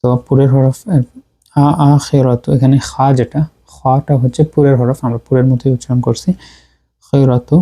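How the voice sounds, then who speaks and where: Dark-voiced man teaching recitation. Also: medium pitch, little pitch movement. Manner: patient, repeats syllables slowly to drill pronunciation. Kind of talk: tajweed lesson.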